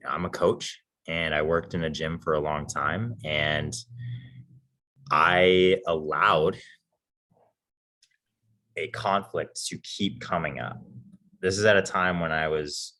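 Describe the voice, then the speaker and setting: A male podcast co-host telling stories in a relaxed, casual way and chuckling along. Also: very deep voice. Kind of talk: casual storytelling chat.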